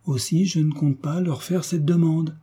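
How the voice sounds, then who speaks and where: A man's voice: a little high, steady tone, normal speed, mellow, breathy edge, pitched above the performer's own voice. A man voicing a cool, commanding young heiress in an audiobook, giving firm, clipped orders. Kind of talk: audiobook character reading.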